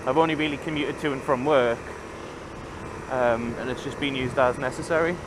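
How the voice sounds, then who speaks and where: Bloke rambling casually from inside a bike helmet, enclosed muffled sound, loud engine and wind noise, medium pitch. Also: male voice, steady tone, moderate pace. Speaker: motorcycle vlogger. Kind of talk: casual chat while riding. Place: outdoors on a moving motorbike, inside a helmet. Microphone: microphone inside a helmet.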